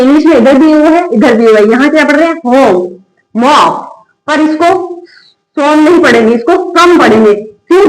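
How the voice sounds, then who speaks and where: Echoey, high-voiced woman teaching phonics. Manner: asks questions then answers them, repeats example words slowly. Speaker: English teacher. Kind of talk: classroom-style phonics lesson. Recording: echoey room.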